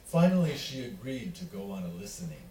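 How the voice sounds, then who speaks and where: An author reads his own literary fiction in a relaxed, mellow male voice with a fairly low pitch. His phrasing is measured and deliberate, with pauses. The mic sits at a distance in a reverberant room, leaving a roomy sound and faint noise.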